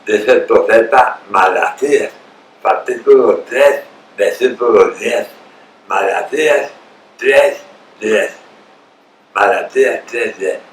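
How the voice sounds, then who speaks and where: Slow, emphatic preacher in an echoing church. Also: male voice, fairly low pitch, a little hiss or hum. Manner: slow, emphatic preaching with repeated phrases and sudden rises. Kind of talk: sermon. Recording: roomy, distant church recording with faint ambience.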